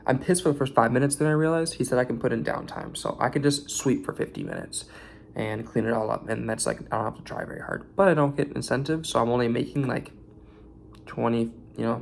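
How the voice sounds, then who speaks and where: A man's voice: medium pitch, vocal fry, slight background noise. A tired young man venting in a casual vlog rant about his warehouse shift, rambling and swearing.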